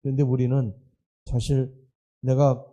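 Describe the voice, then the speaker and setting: A man's voice: medium pitch, flat delivery, measured pace, warm tone. A man pastor giving an early-morning sermon, pressing his listeners with rhetorical questions and earnest exhortation. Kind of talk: dawn sermon.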